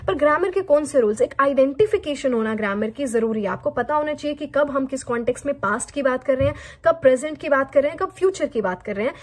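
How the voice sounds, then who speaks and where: A Hindi-speaking woman with a Haryanvi accent teaches English online, mixing Hindi and English, answering her own questions and repeating key words. Her voice sits high and expressive, and she talks fast with few pauses.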